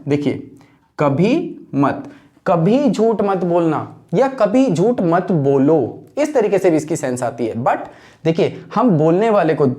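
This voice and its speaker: A man teaching an English grammar lesson, who keeps asking rhetorical questions and slows right down to spell out each example sentence. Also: high-pitched, darkish tone.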